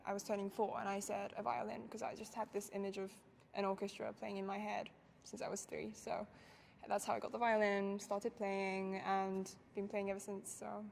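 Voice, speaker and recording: A young woman from Japan answers interview questions in a thoughtful, soft-spoken way. Her voice sits at an ordinary middle pitch, and she often laughs lightly. A faint hiss runs under the recording. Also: level tone, normal speed, vocal fry. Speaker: interviewee, violinist.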